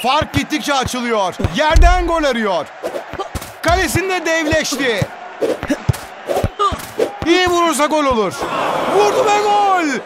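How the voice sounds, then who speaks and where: An excitable screaming football commentator, calling the match in a very high-pitched voice. The game commentary is exclamatory, with music and a crowd behind it. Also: male voice, takes it slowly, pauses often, full character voice. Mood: screaming excitement. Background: music and stadium crowd.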